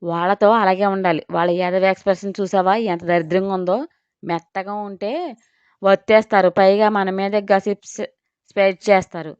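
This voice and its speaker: A woman's voice: medium pitch, level tone, normal speed, a little mellow, clean tone, no echo, close to an everyday voice. A woman reading the lines of a fierce, snappy young woman in an audio story. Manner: snappy, scolding. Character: young woman, fierce, sharp-tongued sister. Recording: dull, dry.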